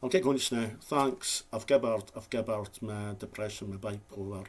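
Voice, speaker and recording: A man's voice: lowish voice, normal speed. A Scottish man vlogging in a casual, rambling, self-deprecating chat to camera, with a slight lisp. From Scotland.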